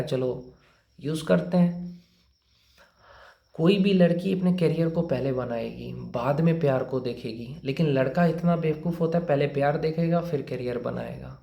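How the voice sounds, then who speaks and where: Blunt lecturing man, gravelly, echoey room. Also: fairly high pitch, dark tone. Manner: blunt, lecturing, repeats points. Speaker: advice speaker. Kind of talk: motivational advice talk.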